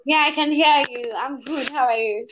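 A young woman with a Nigerian accent, a designer chatting as a guest, playful and quick to laugh. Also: high-pitched, a crowd in the background. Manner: playful, laughs easily, dry humor. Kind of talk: casual chat.

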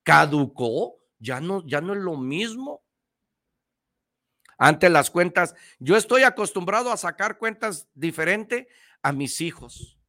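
A man's voice: high voice, lively intonation, slow, sharp tone. A middle-aged man with a Mexican accent giving a slangy, emphatic motivational talk on the radio, repeating his points. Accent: Mexican Spanish.

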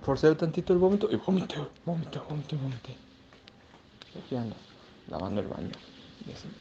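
A man's voice: fairly high pitch, sing-song, a little fast, warm tone, muffled recording, a little hiss or hum. A queasy young man with a Mexican accent, rambling crudely in a casual video diary. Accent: Mexican Spanish.

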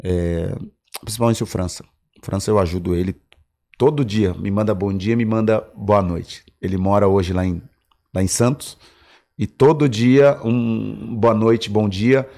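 A middle-aged man, chatting casually on a podcast. His voice sits low, and he talks in a relaxed, earnest way, full of slang. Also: normal speed. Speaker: former footballer guest.

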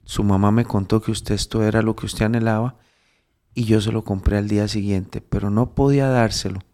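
A man's voice: fairly low pitch, steady tone, fairly quick, darkish tone. A man telling a moral story in casual preaching talk, with many restarts, who builds to emphatic, raised preaching. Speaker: devout storyteller giving spiritual counsel.

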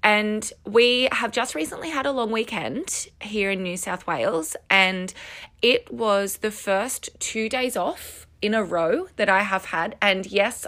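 Speaking earnestly to encourage her listeners, a woman hosts a solo podcast as a coach, recorded at home in a room through headphones used as a mic. Her voice is mid-range and a bit bright.

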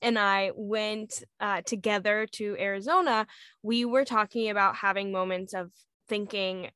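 A woman co-hosting a podcast in casual chat, with a loud and emphatic way of talking. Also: mid-range voice, steady tone, measured pace, clear, resonant tone, no room sound, studio quality. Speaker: podcast co-host.

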